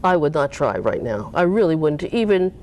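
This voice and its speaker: A woman author being interviewed, talking casually with animated pitch that jumps up when she makes a point. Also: normal speed, a little hiss or hum. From Cape Cod, US.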